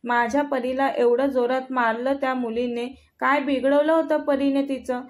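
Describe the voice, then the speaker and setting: Woman doing a caring middle-aged mother-in-law, anxious, high voice, audio story. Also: fairly even intonation, moderate pace, lightly acted. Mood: worried. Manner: anxious, affectionate.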